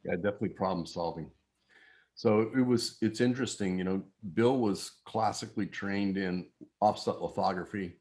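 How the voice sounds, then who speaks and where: A man in his sixties, a guest telling technical stories from his long career in a relaxed way over a video call. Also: fairly low pitch, normal speed. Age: 60s. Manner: relaxed storyteller, technical and anecdotal. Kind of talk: casual chat.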